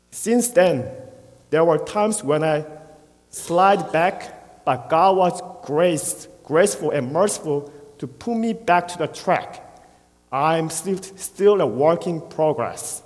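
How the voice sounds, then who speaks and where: Earnest Korean-accented man in a reverberant church. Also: a little high. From South Korea. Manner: earnest, halting, with brief pauses. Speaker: church member giving testimony. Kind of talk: prepared personal testimony. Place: church sanctuary. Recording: long church hall reverb.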